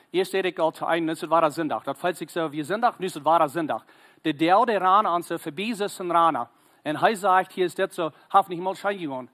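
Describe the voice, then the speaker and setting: A man. He talks haltingly, with many fillers and stray English words mixed into his sermon. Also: high-pitched, a bit bright. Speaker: preacher.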